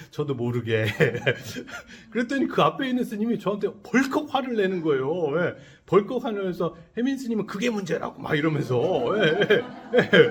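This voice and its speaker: A man, a Buddhist monk, giving a sermon to a congregation, posing questions and answering them himself and having the listeners repeat his phrases. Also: medium pitch. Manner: leads the congregation in call-and-response repetition. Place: temple dharma hall.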